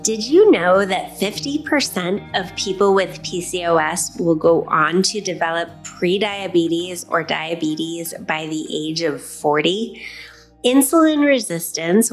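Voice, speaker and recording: A woman with a slightly low voice presents as a podcast host. Her delivery is that of a prepared introduction, addressed directly to listeners, with some music behind her. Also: low-quality recording. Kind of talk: scripted podcast introduction and interview hosting.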